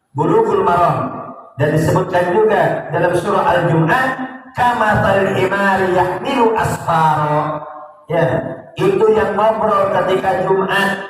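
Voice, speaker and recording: A man giving a lively, teasing sermon lecture in a mosque, often putting questions to the congregation. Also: high-pitched. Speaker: ustadz teaching a kitab study. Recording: echoey mosque hall from far off.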